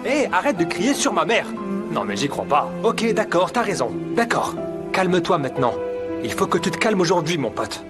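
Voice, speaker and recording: A flustered, bossy friend. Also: male voice, sits high, sing-song, normal speed, over music. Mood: urgent. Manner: urgent, coaxing, bossy. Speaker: son and friend in a dubbed series.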